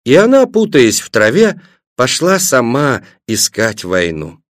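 A man narrating a children's story in an expressive reading, shifting his delivery between scenes. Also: mid-range voice, unhurried, dry recording, clean studio sound. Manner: expressive, varied reading with voiced characters.

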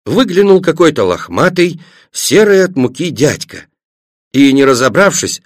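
A man narrating a children's story in an expressive reading, shifting his delivery between scenes. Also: medium pitch, no echo, studio quality. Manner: expressive, varied reading with voiced characters.

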